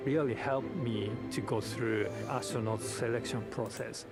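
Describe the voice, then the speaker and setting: A man from Japan, an astronaut, speaking in a measured, thoughtful way with some hesitations. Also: medium pitch, fairly even intonation. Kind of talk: recorded interview, reflective. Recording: interview clip under loud music.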